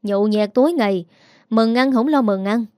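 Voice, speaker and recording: A woman's voice: a little high, mellow, no room sound, clean studio sound, close to an everyday voice. A woman with a Southern Vietnamese accent voicing a kindly but scolding old village woman. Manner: scolding, brisk.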